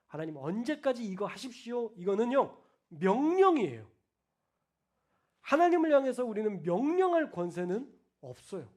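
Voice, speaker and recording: A male pastor with a high voice preaches a sermon. He moves between forceful, loud declarations and quiet, almost whispered asides. He speaks colloquially, turning often to the congregation. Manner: swings between loud emphatic declarations and hushed, soft asides; colloquial, addresses the congregation directly.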